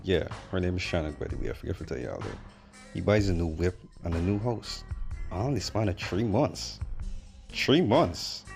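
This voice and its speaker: A man with a low, gravelly voice rolls through a film recap, blunt and mocking, dropping slang as he goes. Faint music sits beneath his commentary. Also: animated, a little fast, darkish tone. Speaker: movie reviewer. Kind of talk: sarcastic movie review commentary.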